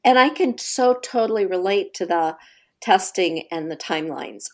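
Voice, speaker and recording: A woman co-hosting a podcast, chatting casually and sharing unhurried, relatable asides. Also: medium pitch, expressive. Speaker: podcast co-host.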